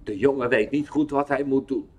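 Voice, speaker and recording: A man telling a Bible lesson story to children in an expressive way, asking the listener questions. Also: mid-range voice, normal speed.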